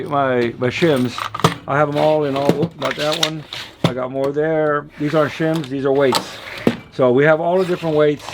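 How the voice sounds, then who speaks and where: In a workshop, a machinist casually demonstrates engine balancing, his voice a little high with slight background noise. He's chatty and playful, addressing viewers as "y'all" throughout this hands-on shop demo.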